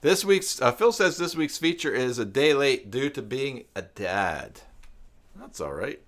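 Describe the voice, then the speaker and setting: Hosting a casual live stream, a middle-aged web tutorial maker thinks out loud and wanders from point to point, frequently saying the same things again. He speaks at a measured pace in an animated, mid-range voice.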